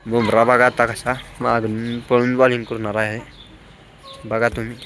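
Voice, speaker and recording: A man gives excited running commentary on a game of rooftop cricket for his vlog, calling out to the kids and to his viewers. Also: medium pitch, a little slow, a little hiss or hum. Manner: lively, calls out to kids and viewers. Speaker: vlogger. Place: outdoor rooftop terrace.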